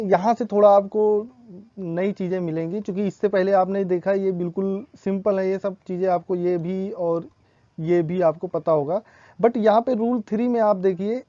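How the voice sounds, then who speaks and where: A woman, a teacher patiently explaining English pronunciation rules and repeating each example slowly. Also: medium pitch, warm tone, dry recording, muffled recording.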